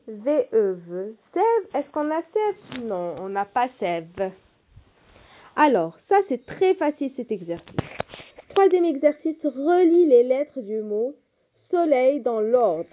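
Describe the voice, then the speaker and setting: Slow, patient woman teacher, tinny sound. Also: high voice, very animated, a little hiss or hum. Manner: slow, patient, spells letters aloud. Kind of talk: primary school reading lesson. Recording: tinny phone-like audio.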